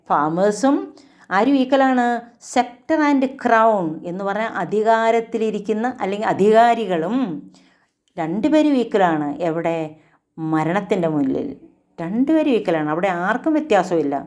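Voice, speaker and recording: A woman with a Malayali accent teaching an English poem. She reads the lines slowly and then explains them in quick, chatty bursts, asking herself questions. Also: medium pitch, darkish tone. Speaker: literature teacher.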